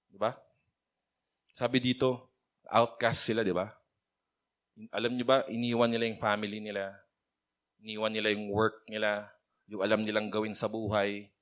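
A man preaches in a loose, conversational style, as if talking with a small group of friends. His voice sits a little low. He drops English phrases into his speech and calls on listeners by name. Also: level tone, normal speed, long pauses, a bit bright. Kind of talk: casual conversational sermon.

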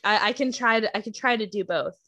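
A woman's voice: medium pitch, fairly quick, bright, forceful tone. Giggly young woman podcast co-host. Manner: giggly, rambling with fillers. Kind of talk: casual podcast chat.

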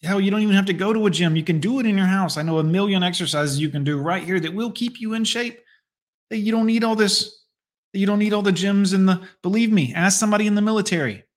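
A man with a fairly high voice delivers blunt, crude commentary. He mocks and scolds without holding back. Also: fast talker. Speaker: commentator reacting to a radio clip. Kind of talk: profane reaction commentary.

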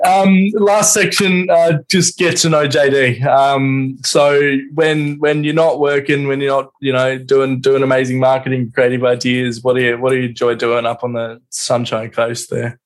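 A man's voice: medium pitch, flat delivery, measured pace. A man hosting a casual podcast interview who laughs easily and asks rambling questions. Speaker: podcast host.

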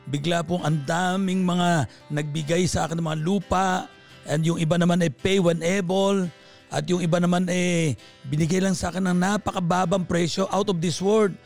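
A man's voice: fairly high pitch, vocal fry. A middle-aged man, a lay preacher, earnestly telling a personal testimony with emphatic storytelling.

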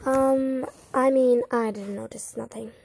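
Woman reading an excitable young woman. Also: a little high, vocal fry, no echo. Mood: excited. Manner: quick, excited. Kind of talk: audiobook character voice.

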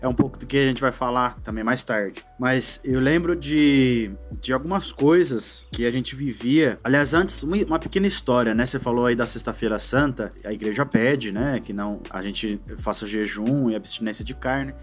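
Reminiscing about his childhood on a talk show he co-hosts, this Brazilian Portuguese–accented man in his forties speaks reflectively and casually, frequently adding "né" and trailing off. His mid-range voice moves at normal speed with hardly any pauses, soft music playing behind.

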